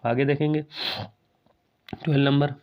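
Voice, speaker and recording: A man teaching a Hindi grammar lesson for an exam, repeating each corrected sentence and asking quick questions of his students. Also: medium pitch, little pitch movement, highs cut off. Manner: addresses viewers as "saathiyon".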